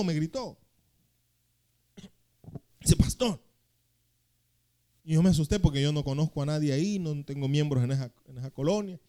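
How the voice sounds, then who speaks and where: A young pastor with a fairly high-pitched voice delivers his sermon in two modes: booming, unhurried scripture reading and rapid, hushed storytelling.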